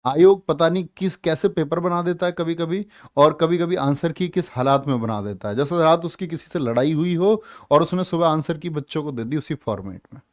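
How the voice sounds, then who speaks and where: A man's voice: on the high side, brisk, few pauses. A man teaching a Hindi grammar exam-prep class, quizzing and scolding students and stretching out letter sounds as he spells them. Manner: scolds and teases students, drills answers with repeated questions.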